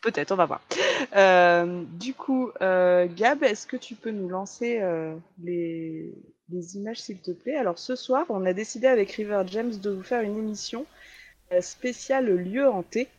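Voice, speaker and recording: A woman's voice: medium pitch, unhurried, lo-fi sound. A woman hosting a casual talk show, chatting with many hesitations and fillers as she introduces a haunted place. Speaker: host.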